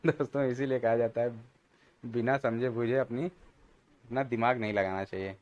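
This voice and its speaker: A man's voice: mid-range voice, fairly even intonation, moderate pace, darkish tone, lo-fi sound. Friendly man narrating kids' comics. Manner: friendly, addresses viewers as friends. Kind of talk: storybook narration for children.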